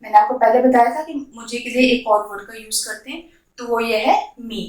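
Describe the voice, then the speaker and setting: A woman teaching beginners basic English words, drawing out each model sentence slowly between quicker explanations. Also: fairly high pitch, darkish tone. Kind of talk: beginner language lesson. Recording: echoey room, voice from a distance.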